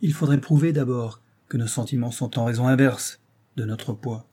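A man playing a stout, wealthy lover who protests softly and defensively. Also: mid-range voice, normal speed, breathy edge, natural voice. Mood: protesting. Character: stout wealthy older man, meek and pleading.

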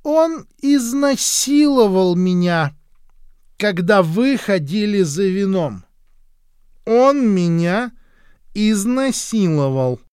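A man voicing a gaunt, unhinged woman who makes slow, insistent accusations in a high, strained voice. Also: animated, a little mellow, clear, resonant tone, no echo, clean studio sound. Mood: accusing.

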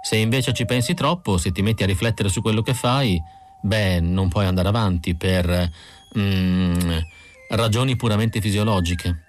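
A man's voice: fairly low pitch, normal speed, soft background music, lightly acted. A man voicing a weary young female android. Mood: matter-of-fact. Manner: raised, light voice for the woman. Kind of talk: audiobook character reading.

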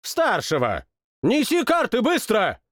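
A man voicing a petulant, boastful young king who whines and barks orders in a shrill voice. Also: sing-song, moderate pace, no echo, studio quality. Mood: furious. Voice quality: shrill, whiny, bossy. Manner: shouts orders and sulks capriciously. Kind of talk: audiobook character voice.

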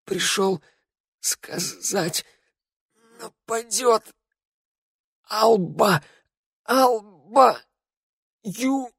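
A man voicing a distraught young undead man who sobs and begs, his voice high and breaking. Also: animated, slow pace, no echo, studio quality. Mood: dying gasps. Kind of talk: audiobook character voice.

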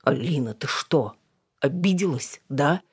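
Whining balding suitor, a middle-aged man who begs and grumbles, read by a low-voiced woman. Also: animated, unhurried, a little mellow, husky, no room sound, studio quality, full character voice. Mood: pleading. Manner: whining, begging.

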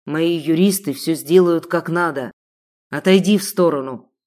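A woman voicing a jealous, possessive male sheikh who growls his lines, menacing and loud. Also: low-pitched, unhurried.

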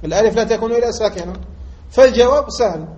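This is a high-voiced Algerian sheikh giving a classroom lesson on an Arabic morphology grammar text. He talks rapid-fire in a darkish male voice, throwing rhetorical questions at his students and drilling each point. The recording is lo-fi and muffled, with faint background noise.

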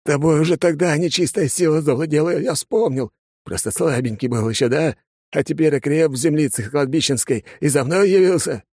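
A man's voice: on the high side, brisk, darkish tone, husky, no room sound, studio quality, voice pushed up. A man voicing a terrified, superstitious old drunk who shrieks and wails in slurred, hysterical rants. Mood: crazed triumph.

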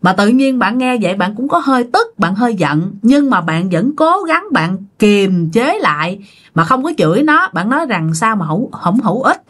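A woman tells a ghost story as if chatting with friends. Her pitch swings lively up and down, and she leans on fillers as she talks. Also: normal speed. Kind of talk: casual spoken ghost story.

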